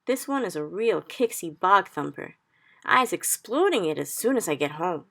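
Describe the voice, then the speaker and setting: A woman's voice: on the low side, sing-song, normal speed, creaky, full character voice. A woman doing a ranting, word-mangling friendly giant. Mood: earnest. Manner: ungrammatical made-up words, loud anguished exclamations. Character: giant, big friendly male, mangles grammar, excitable.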